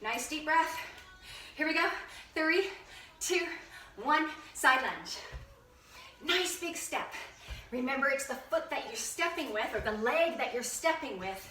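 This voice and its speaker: Panting, high, bright fitness instructor woman. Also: lively intonation, unhurried, pauses often, recorded from a distance, soft background music. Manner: upbeat, encouraging, panting between cues. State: out of breath. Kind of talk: workout instruction, counting reps. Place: room at home. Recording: echoey room, voice off-mic.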